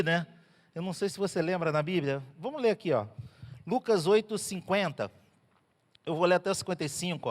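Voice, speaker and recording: A man's voice: high-pitched, in a large hall. A man preaching a sermon as a pastor in a church, telling the story animatedly. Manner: animated storytelling, acting out characters.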